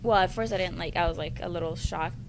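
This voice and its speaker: A woman's voice: lowish voice, fast talker. Young woman from Egypt, noisy recording. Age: young adult. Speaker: student. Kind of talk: interview answers. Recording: noisy background.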